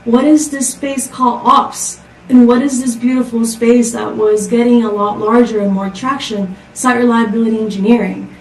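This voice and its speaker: This conference speaker, a woman from Costa Rica, presents a prepared tech talk in an upbeat style, asking plenty of rhetorical questions. She has a mid-range, darkish voice. Slight background noise is present, and the sound is echoey and distant.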